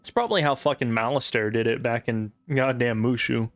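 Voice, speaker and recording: A man's voice: mid-range voice, steady tone, fairly quick, no echo, faint music behind. A man giving casual, rambling gameplay commentary, sarcastic and full of swearing. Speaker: gamer.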